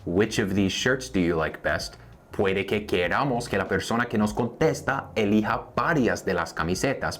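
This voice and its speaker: A man from the United States, a native English speaker, teaching a language lesson in Spanish and slowly repeating each example sentence. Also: on the low side, slight background noise.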